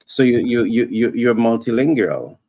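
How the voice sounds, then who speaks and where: A man hosting an interview, asking questions and giving praise in measured, formal phrasing. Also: mid-range voice, expressive, mellow, no room sound, poor audio. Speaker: interviewer host.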